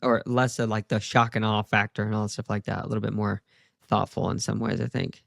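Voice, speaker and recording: A man's voice: on the low side, little pitch movement, a little fast, vocal fry, no echo, clean studio sound. A man hosting a podcast interview, chatting in a friendly, casual way with lots of fillers. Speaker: podcast host.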